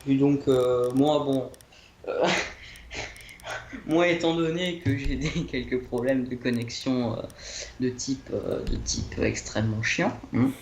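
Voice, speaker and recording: A man's voice: medium pitch, animated, takes it slowly, a little mellow. A young man chatting casually about his holiday, hesitant, with many fillers and restarts. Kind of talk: rambling casual chat. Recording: echoey room, faint noise.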